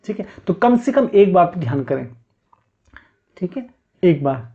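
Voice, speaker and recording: A man's voice: high-pitched, very animated, a little slow. A man giving step-by-step meditation instructions in a patient, repetitive way, often checking in with the listener. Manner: repetitive, coaxing, frequent "theek hai" check-ins. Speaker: meditation teacher. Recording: dull lo-fi sound.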